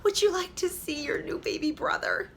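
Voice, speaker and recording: A woman playing an excitable storybook mom, high pitch, swooping exclamations, bright tone. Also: moderate pace, gravelly, a little hiss or hum, heavily acted. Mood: proud coaxing. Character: excitable mother of a new baby.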